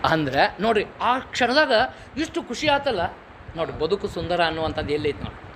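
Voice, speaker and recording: A middle-aged man with a North Karnataka Kannada accent giving a public moral lecture, full of lively rhetorical questions and folksy home anecdotes. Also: high-pitched, brisk, noisy background.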